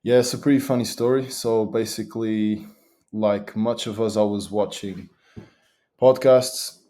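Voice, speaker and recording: A man's voice: lowish voice, steady tone, warm tone. A young man from Madeira, Portugal, answering interview questions eagerly with frequent restarts. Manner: eager, talks fast with restarts. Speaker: guest.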